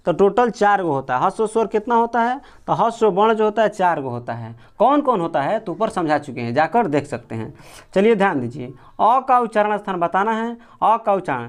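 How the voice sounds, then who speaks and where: A man teaching a grammar lesson, going through exam questions one by one, repeating each answer back as a question. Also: high-pitched. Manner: repetitive, drills answers with rhetorical questions; colloquial with regional words like gō.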